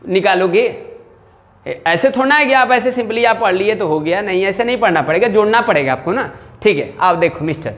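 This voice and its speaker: A man's voice: extremely high pitch, fairly bright tone. Male teacher coaxing answers from a class. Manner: keeps checking if students follow, coaxing questions. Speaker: maths teacher. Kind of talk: classroom lecture. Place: classroom with students. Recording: long reverb in a classroom.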